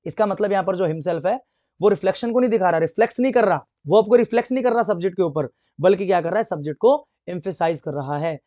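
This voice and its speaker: A man teaching an English grammar lesson online. He keeps asking the class questions and answering them himself, and he reads the English example sentences slowly. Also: sits high, expressive, mellow, no room sound. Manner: asks and answers his own questions.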